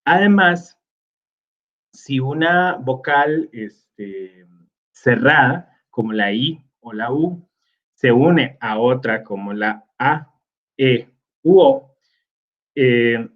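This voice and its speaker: A man teaches a recorded slide lesson at a slow, unhurried pace. He stops often on small hesitations as he gathers his thoughts. The audio is dull and lo-fi. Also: mid-range voice, lively intonation. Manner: slow, with many fillers like "este" and "eh".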